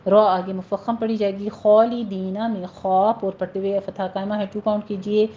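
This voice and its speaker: Woman, patient recitation teacher with a mellow voice, slow drawn-out examples, dull lo-fi sound. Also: mid-range voice, level tone, a little hiss or hum. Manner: patient, explains rules step by step, then recites words slowly and drawn out.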